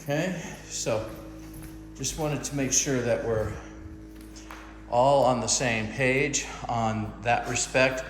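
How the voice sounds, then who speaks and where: A man acting as landlord, narrating a walkthrough video of an empty house in a slow, halting way with plenty of pauses. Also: medium pitch, music in the background. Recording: roomy echo with faint noise.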